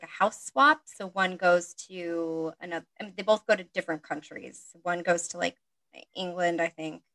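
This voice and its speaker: A woman's voice: fairly low pitch, pushed and bright. A woman co-hosting a podcast, chatting casually with fillers and then reading a story aloud. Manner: chatty, filler-heavy, laughs at herself. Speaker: podcast co-host and reader.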